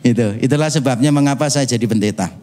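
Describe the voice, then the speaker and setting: A man from Indonesia preaching a sermon as pastor, telling animated, humorous stories and mimicking other people's voices. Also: mid-range voice, fast, slight background noise. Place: church.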